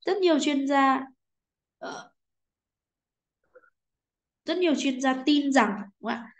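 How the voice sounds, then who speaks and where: A woman's voice: high voice, slow. Patient Vietnamese-accented woman teaching English. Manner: patient, asks "right?" often. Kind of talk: explaining a textbook lesson.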